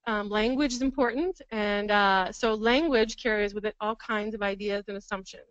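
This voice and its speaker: A woman's voice: mid-range voice, moderate pace, smooth, dry recording, muffled recording. A woman presenting a counseling workshop to a live room, thinking aloud and laughing often. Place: training room with live audience.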